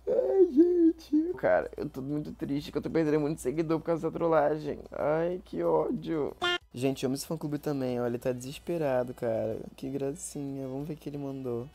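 Picture a young man talking straight into his phone, chatty and excitable, slipping in and out of giggles. His pitch sits in an ordinary middle range. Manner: chatty, excitable, often half-laughing. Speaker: YouTuber. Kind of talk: casual prank vlog narration.

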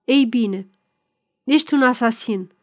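A woman voicing a stern, commanding elderly father in an audiobook, speaking in a measured, clipped way. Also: a little high, close to an everyday voice. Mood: scornful. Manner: clipped, measured, at times grating. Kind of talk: audiobook reading.

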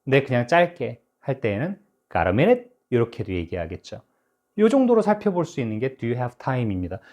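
A man teaching English phrases, saying his examples slowly and carefully and stumbling over his words now and then. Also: medium pitch, sing-song, a little mellow. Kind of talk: spoken English lesson.

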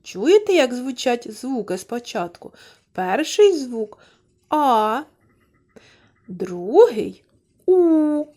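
A kindergarten teacher gives a slow, clearly enunciated lesson to young children. Her voice is on the high side, mellow and sing-song, and she draws out her words while asking the kids questions.

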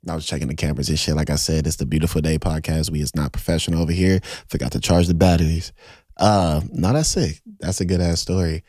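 A young man hosting a casual podcast interview, laid-back and joking, quick to laugh, swearing freely. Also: a bass voice, fairly even intonation, darkish tone, no room sound, clean studio sound. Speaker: podcast host. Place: cluttered garage studio, indoors. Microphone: podcast mic on boom arm.

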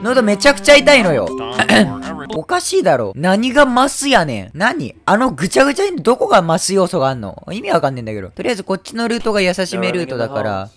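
Hoarse, excitable man shouting through a game. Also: high voice, fast talker, faint music behind. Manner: loud, excitable, shouting reactions. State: hoarse throat. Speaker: game streamer. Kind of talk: let's-play commentary.

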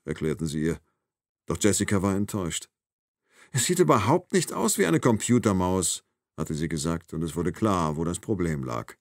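Low-voiced man reading a thriller. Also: a little mellow, no echo, clean studio sound. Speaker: audiobook narrator. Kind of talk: scripted narration of a thriller.

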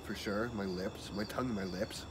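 A young man with a fairly deep voice talks casually to a camera in a backyard. He is suffering from a burning mouth, so he speaks haltingly and repeats himself. Clear cricket and outdoor noise sits behind him. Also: fairly even intonation. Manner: halting, repetitive, groaning. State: mouth burning from hot peppers, coughing. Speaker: vlogger doing a pepper-eating challenge. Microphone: camera mic a short distance away. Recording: noisy outdoor camera audio, insects. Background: crickets and outdoor ambience.

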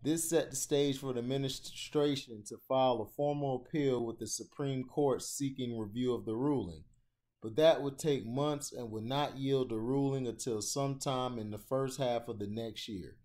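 A man's voice: fairly even intonation, moderate pace. Man reading a news piece aloud. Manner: stumbles and corrects himself while reading; gets louder and higher when he starts giving his own opinion. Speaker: channel host reading news. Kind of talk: reading a news article aloud, then ranting.

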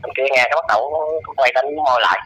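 A man in his eighties with a Southern Vietnamese accent, talking as an interview guest and lecturing in a scolding, preachy way, his pitch leaping up and down. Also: rapid-fire, sharp tone, breathy edge, low-quality recording. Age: 80s. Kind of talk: casual lecturing chat.

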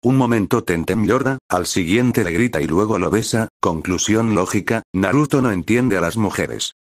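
A man reading a fan story aloud in a steady storytelling manner. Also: on the low side, normal speed, dry recording, studio quality. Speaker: narrator.

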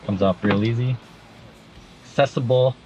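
A Canadian vlogger with a medium-pitched voice at normal speed talks to the camera in a laid-back, informal way while presenting a hands-on vehicle install. He films inside a vehicle and outdoors under an overpass, with noisy surroundings and the high frequencies cut off.

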